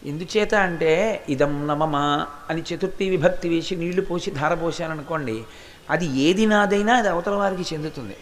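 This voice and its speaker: A man with a high voice delivers a devotional discourse. He explains ideas like a teacher, moving between teaching and storytelling. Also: brisk. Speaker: religious discourse speaker.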